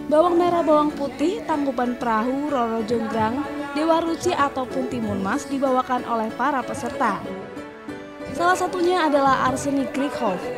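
A woman reading scripted narration for a television news report. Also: high voice. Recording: music under voice-over. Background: music.

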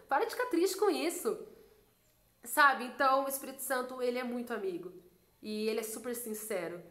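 Young woman, faith testimony vlog, casual chat, reverberant room. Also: on the high side. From Brazil. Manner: animated, emotional storytelling. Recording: roomy echo.

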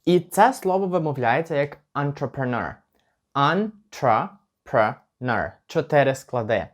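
A man's voice: a little high, expressive, a little mellow. Chatty man teaching English pronunciation. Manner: chatty, slows down to spell out words. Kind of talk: casual pronunciation lesson.

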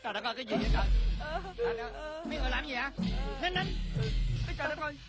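An actor playing a flustered, exasperated husband in a comic folk-opera skit. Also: female voice, fairly high pitch, expressive, fairly quick, close to an everyday voice. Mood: exasperated scolding. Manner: exasperated, shouting, teasing. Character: flustered husband of a pregnant wife. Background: loud stage music.

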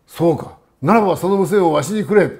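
A man's voice: high voice, fairly quick, darkish tone. A man voicing a ragged wandering god who talks in terse, old-fashioned, blunt lines. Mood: demanding.

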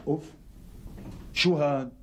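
An actor playing a jovial, effusive middle-aged lawyer who speaks with a Syrian Arabic accent in a TV sitcom. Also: male voice, a little high, fairly even intonation, unhurried, very noisy, natural voice. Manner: effusive, teasing. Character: jovial middle-aged male lawyer, warm family friend. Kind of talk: TV sitcom acting.

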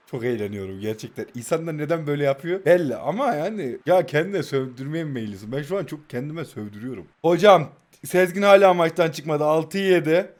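A man, giving playful, taunting commentary over a mobile football game and bursting into excited play-by-play. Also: on the high side, fairly quick. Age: 20s. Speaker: mobile football gaming YouTuber. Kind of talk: live gameplay commentary, teasing opponent.

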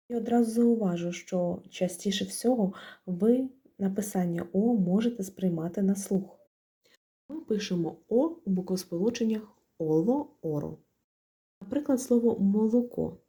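A woman teaching a spelling lesson in Ukrainian, explaining rules calmly and methodically and stressing each example word. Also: mid-range voice, husky. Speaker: language teacher.

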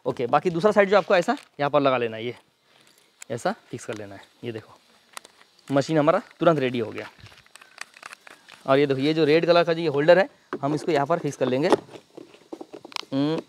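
A man casually reviewing and demonstrating a pressure washer, explaining each step quickly as he handles it. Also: fairly high pitch, expressive, a little hiss or hum. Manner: rapid, hands-on explaining while demonstrating. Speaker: product reviewer. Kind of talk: casual product demo and review.

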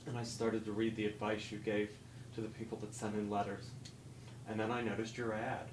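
Man acting a low-voiced, earnest testimonial guest. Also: level tone, fairly quick, noisy background, lightly acted. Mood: grateful, relieved. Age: middle-aged. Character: earnest, grateful male infomercial testimonial guest. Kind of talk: scripted parody infomercial testimonial.

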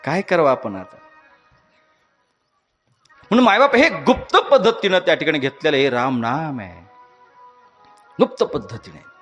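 A man with a high voice preaches a devotional sermon and tells a story, alternating between loud exhortations and soft asides to his audience.

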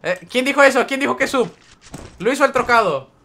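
A man's voice: very high voice, expressive, a little fast, gravelly, bright, forceful tone. A young man streaming a game live, chatting with viewers, greeting them by name and reading the chat aloud. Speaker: gaming streamer.

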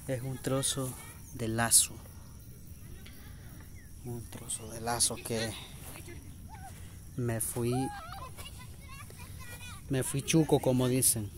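Slow-talking man vlogging outdoors. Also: mid-range voice, a little mellow. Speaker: vlog host. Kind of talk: casual outdoor vlog narration. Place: open grassy hillside, outdoors. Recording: noisy handheld outdoor recording.

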